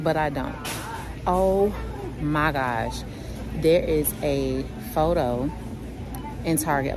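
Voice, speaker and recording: A young woman chatting casually to her viewers in a vlog from a store, using informal slang. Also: low voice. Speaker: vlogger. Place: store and mall, indoors.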